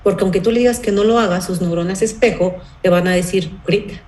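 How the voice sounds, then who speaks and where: This parenting-workshop leader has a fairly low, darkish voice and talks at a quick pace, patiently explaining while tossing out checks like "¿sí?" and "¿bien?". The audio is poor and the room echoes.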